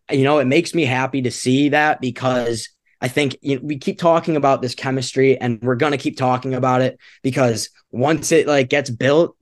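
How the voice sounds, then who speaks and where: A man's voice: mid-range voice, no echo, clean studio sound. A man co-hosting a sports podcast, upbeat and casual, chuckling between phrases. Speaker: podcast co-host.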